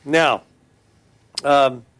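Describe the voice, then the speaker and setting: Extremely slow and fairly even in intonation, this middle-aged man's mid-range voice has a fairly bright tone and a Californian accent. An attorney on a talk show, he earnestly makes announcements, repeats his web address, and recounts a case with many restarts.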